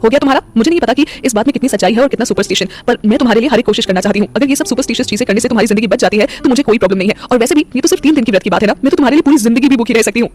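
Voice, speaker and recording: A woman's voice: fairly high pitch, very fast, few pauses, darkish tone, lightly acted. A woman voicing a stubborn, devoted young woman in a romantic audio story. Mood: determined. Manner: stubborn, insistent.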